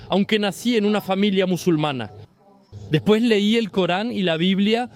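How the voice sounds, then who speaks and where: A man in his forties from France speaks fervently in a street interview, repeating his key points for emphasis. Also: sits high. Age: 40s. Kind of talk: impassioned street interview testimony. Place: outdoors on a city street.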